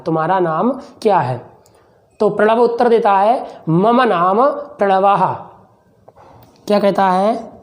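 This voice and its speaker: A male teacher explaining a lesson slowly and deliberately, repeating phrases word by word and asking questions that he then answers himself. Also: high voice.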